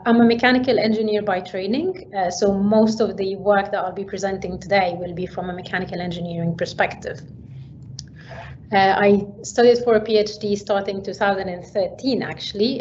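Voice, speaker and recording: Woman, 30s, from Egypt, guest lecturer on a webinar, easygoing delivery, muffled call audio. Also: mid-range voice. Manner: relaxed, with frequent fillers. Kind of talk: online academic seminar. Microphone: video call. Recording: slightly dull online call audio with faint noise.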